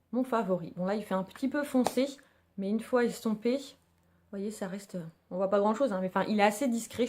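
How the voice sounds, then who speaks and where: A beauty vlogger reviews her favorite makeup casually, chatting enthusiastically and with plenty of slang while calling her viewers "girls." Her voice is medium in pitch and a little mellow.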